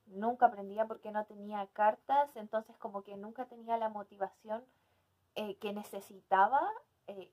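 Casting: young adult woman, mid-pitched voice, hesitant and casual, as an unboxing vlog host. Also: a little mellow. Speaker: video host. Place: small decorated room indoors.

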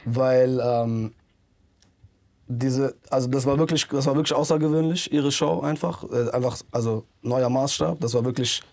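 A man's voice: mid-range voice, normal speed, gravelly, darkish tone. A man in his thirties, a rapper guest in a casual studio interview, talking earnestly with many fillers and restarts. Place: music recording studio. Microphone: handheld mic held by interviewer.

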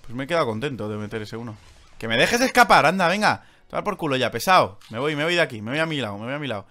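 A young man with a Spain Spanish accent, streaming live gameplay commentary, excitable, swinging from loud outbursts to low mutters. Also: racing.

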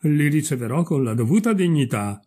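A man's voice: on the high side, expressive, fairly quick, warm tone, husky. A man voicing a haughty, self-important male firework rocket in a storybook reading, with a pompous, self-pitying manner.

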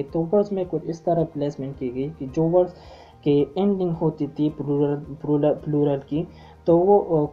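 A woman with an extremely low, dark voice delivers a lecture-style lesson as a teacher. She speaks hesitantly, filling gaps with drawn-out filler sounds and restarts. The recording is dull and lo-fi, with faint music underneath.

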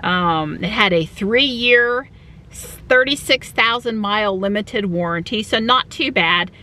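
A woman's voice: medium pitch, takes it slowly, pushed and bright. A woman talking inside a parked car, chatty and informal as she explains things in a casual vlog style. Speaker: electric car vlogger. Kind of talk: casual vlog narration to camera.

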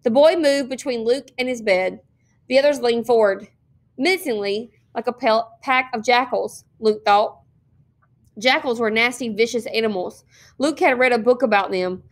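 A woman's voice: on the high side, normal speed. Woman reading a story aloud. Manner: steady, expressive reading with occasional slips. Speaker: teacher reading a novel aloud.

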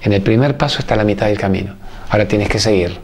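A man's voice: on the low side, fast talker. A man with an Argentine accent hosting a show, giving an emphatic, preachy spiritual talk to viewers in strings of repeated phrases. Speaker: host.

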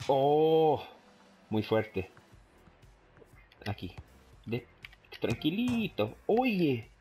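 This gaming YouTuber's voice sits on the high side and moves very slowly, with faint music in the background. Casually commentating a football video game, the native English speaker switches into Chilean-accented Spanish, hesitating and filling pauses often, then shouting with excitement at plays.

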